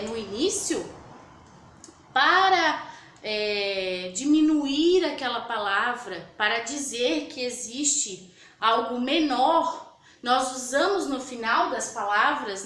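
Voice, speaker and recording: A woman's voice: on the high side, a bit bright. A woman with a Brazilian Portuguese accent, teaching young children patiently and spelling out sounds and letters. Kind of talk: children's lesson. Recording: echoey room.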